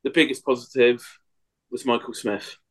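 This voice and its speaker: A man's voice: medium pitch, fairly even intonation, normal speed. A man giving short, plain answers on a casual football podcast. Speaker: podcast co-host.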